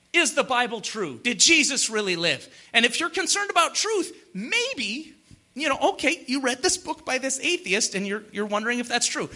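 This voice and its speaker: A man's voice: very high-pitched, bright, forceful tone. A man preaching a sermon in a conversational way, full of emphatic rhetorical questions and repeated phrases.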